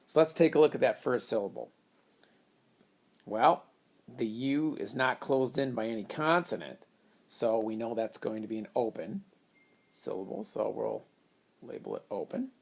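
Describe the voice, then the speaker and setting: A man's voice: mid-range voice, lively intonation, normal speed, creaky, long pauses, darkish tone. A man teaching a reading lesson, patiently explaining step by step how to split words into syllables. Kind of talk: phonics lesson at a whiteboard.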